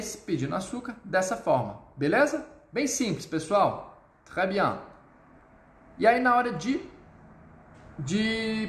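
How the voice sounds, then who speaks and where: A man with a fairly high voice teaches a live online French lesson. He sounds upbeat, explains step by step and checks in with his viewers, and he slows right down to model each phrase. The recording has a roomy echo. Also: fairly bright tone.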